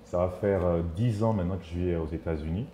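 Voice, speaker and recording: A man's voice: sits low, quick pace, mellow, echoey room, slight background noise. A man in his thirties from Kinshasa, introducing himself as a talk show guest and stumbling over words. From Kinshasa, DR Congo. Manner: hesitant, stumbling with fillers.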